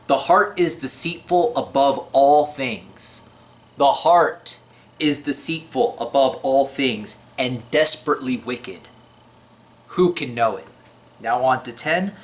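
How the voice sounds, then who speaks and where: A man's voice: a little high, a bit bright. Man giving a casual, shaky-voiced religious talk. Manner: chatty, unscripted, with many fillers and restarts. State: slightly shaky voice.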